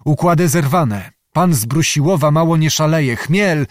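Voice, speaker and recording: A man's voice: on the high side, normal speed, no room sound, clean studio sound, voice pushed up, natural voice. A man doing a boyish young nobleman. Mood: earnest. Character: young boyish male nobleman bringing news.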